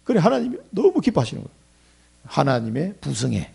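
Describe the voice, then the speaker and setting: A man's voice: on the high side, wildly swooping pitch, a little fast, vocal fry, a little mellow, breathy edge. A middle-aged male pastor giving a conversational sermon, telling stories with chuckling asides.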